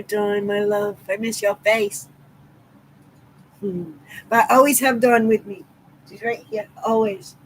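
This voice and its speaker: This low-quality clip with a light hiss features a mid-pitched woman, a middle-aged Massachusetts native, casually and fondly talking to her livestream audience and calling out viewers by name in her Southeastern Massachusetts accent.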